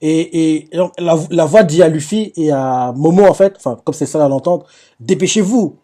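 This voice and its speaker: A man's voice: on the high side, moderate pace, warm tone. A man recapping anime scenes live, retelling the action with lots of fillers and restarts. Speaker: anime reaction host.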